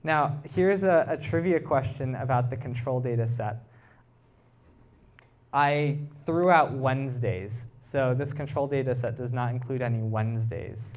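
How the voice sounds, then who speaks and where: A researcher presents a technical talk to a live audience, explaining things informally and putting questions to his listeners. His mid-range voice is a little mellow and unhurried.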